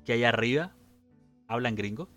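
A man's voice: mid-range voice, normal speed, fairly bright tone, faint music behind. A man with a Chilean accent, a podcast co-host, chatting casually in a joking, teasing way. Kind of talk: casual chat.

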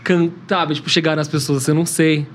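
Fast-talking young man rambling. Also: a little high, flat delivery, a bit bright, a little hiss or hum. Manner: rambling, many fillers and restarts. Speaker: guest. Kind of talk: casual chat.

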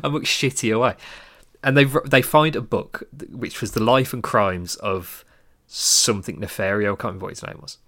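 A man with a low-pitched voice chats casually as a podcast co-host. He rambles, trails off mid-thought and laughs easily. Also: moderate pace, bright, forceful tone. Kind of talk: casual chat about cartoons.

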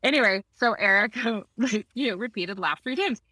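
A woman therapist telling a story in a casual conversation, animated, laughing often and acting out quotes. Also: fairly high pitch, moderate pace, dry recording.

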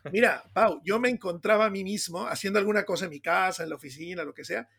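High, gravelly Spanish man chatting. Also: fast. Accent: Spain Spanish. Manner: animated, laughing storyteller, says "tío" often. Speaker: pastor and podcast co-host. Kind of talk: casual chat.

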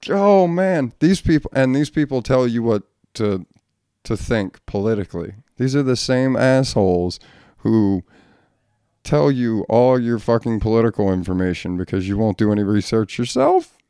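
A man's voice: medium pitch, animated, moderate pace, warm tone, smooth, no echo, clean studio sound. A man hosting a casual solo podcast, a father talking in a blunt, profane, ranting way. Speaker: podcast host.

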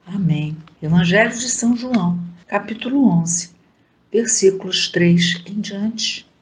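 A woman reads a Gospel passage and leads a spoken prayer in a slow, reverent, prayerful way. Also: mid-range voice. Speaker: devotional reader and prayer leader. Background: soft new-age music.

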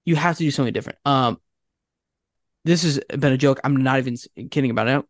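A man co-hosting a casual sports podcast, ranting with a fan's exasperation and talking in quick bursts full of fillers. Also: medium pitch, dry recording, studio quality. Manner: animated, exasperated fan ranting.

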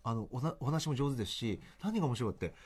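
A man's voice: mid-range voice, sing-song, quick pace, a little mellow, breathy edge. A man co-hosting a radio show, chatting casually in an apologetic, easygoing way and laughing easily. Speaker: radio co-host.

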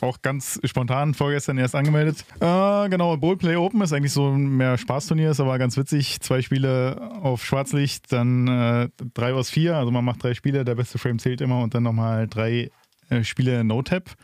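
A man co-hosting a podcast who speaks haltingly and makes fun of himself. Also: medium pitch, fairly even intonation, a little mellow, no room sound. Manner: hesitant, self-deprecating, lots of fillers. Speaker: podcast co-host. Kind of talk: casual podcast chat.

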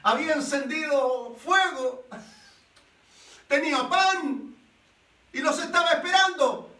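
High, bright-voiced preacher in an echoey hall. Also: male voice, slow. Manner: animated storytelling with rhetorical questions. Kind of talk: sermon. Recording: echoey room, voice from a distance.

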